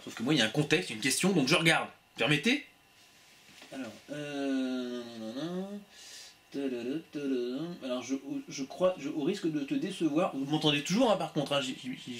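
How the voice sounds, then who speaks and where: A man hosting a casual livestream from a home room on a laptop webcam, reading viewers' messages aloud in a quick, playful way with many restarts. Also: fairly high pitch, fairly bright tone. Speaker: livestream host. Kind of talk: casual live chat with viewers. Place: home room with shelves of CDs.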